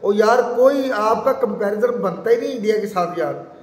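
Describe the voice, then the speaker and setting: A man's voice: sits high, normal speed. A man hosting a reaction video, commenting casually and chattily. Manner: chatty, peppers speech with "ji" and "yaar". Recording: echoey room with reverb.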